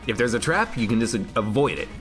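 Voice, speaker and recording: Lively rambling male game streamer. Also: mid-range voice, fast talker. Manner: rambling, jokey, reads chat aloud. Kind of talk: casual gameplay commentary. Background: game music.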